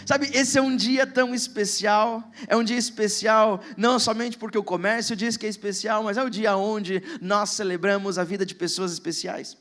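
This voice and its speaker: A middle-aged man with a Brazilian Portuguese accent preaching a sermon, telling a personal story and reading Scripture slowly and with emphasis. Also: high-pitched, steady tone, a bit bright, faint music behind. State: emotional. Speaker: pastor. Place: church stage.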